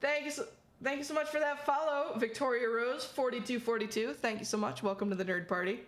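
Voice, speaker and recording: A woman's voice: fairly high pitch, brisk. A woman game streamer reading on-screen text aloud and giving casual, wry, sometimes sweary live commentary.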